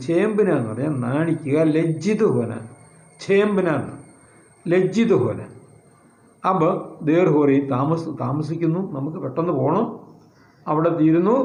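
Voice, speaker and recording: A man with a Malayali accent teaching a Hindi lesson, reading each line and then explaining it. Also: on the high side. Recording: echoey room.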